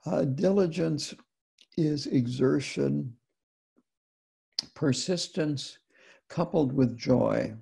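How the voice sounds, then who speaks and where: Gravelly, slow-spoken male Buddhist teacher. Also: on the high side, dark tone. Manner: unhurried, deliberate, with frequent pauses. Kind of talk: dharma talk.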